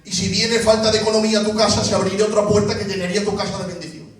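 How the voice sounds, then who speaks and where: High-voiced Spanish preacher in an echoey hall. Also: male voice, little pitch movement, racing. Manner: preaching with rising shouts and acted dialogue. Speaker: pastor. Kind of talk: sermon. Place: church. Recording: echoey church hall from far off.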